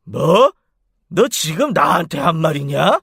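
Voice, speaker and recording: A man's voice: on the high side, very animated, slow, vocal fry, fairly bright tone, slightly rough, dry recording, clean studio sound, full character voice. A man playing a hot-tempered, bullying aging father in a radio drama, snapping out harsh, scornful outbursts. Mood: furious.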